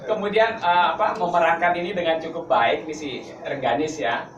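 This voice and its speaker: A man's voice: fairly high pitch, expressive, moderate pace, muffled recording. A man interviewing students and a teacher in a casual, chatty way, often laughing and teasing. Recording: roomy distant mic with noise.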